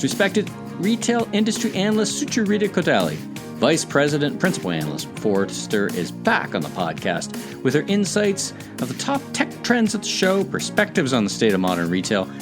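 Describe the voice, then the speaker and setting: A man hosts a retail podcast from an open-roof booth at a trade show, reading a scripted intro before interviewing a guest, with some hesitant restarts in his questions. His voice is medium-pitched with huge pitch swings at normal speed, and music plays in the background.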